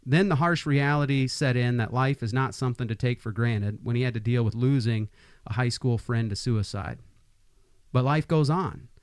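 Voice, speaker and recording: A man's voice: mid-range voice, normal speed, clear, resonant tone, no room sound, clean studio sound. A man in his forties from Iowa hosting a podcast, upbeat in his intros and chatty with lots of restarts. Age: 40s. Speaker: podcast host. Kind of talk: casual podcast interview.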